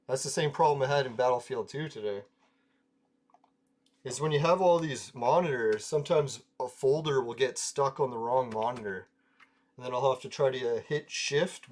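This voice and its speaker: A man's voice: medium pitch, normal speed, a little mellow. A man chatting casually over gameplay, rambling through anecdotes, laughing often and swearing freely. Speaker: gaming video creator.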